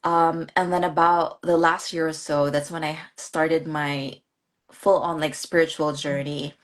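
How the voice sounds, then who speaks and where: A woman from the Philippines answers questions on a live online interview in a low, soft-spoken voice. She talks earnestly, often restarting phrases and laughing lightly between thoughts. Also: flat delivery, unhurried. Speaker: guest, course graduate.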